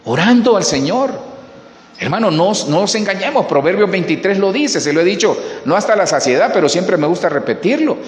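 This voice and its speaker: A man's voice: high-pitched, big pitch swings, a little fast. A man preaching a sermon as pastor, repeating words for emphasis and calling out to the congregation. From Colombia. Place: church hall. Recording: echoey hall.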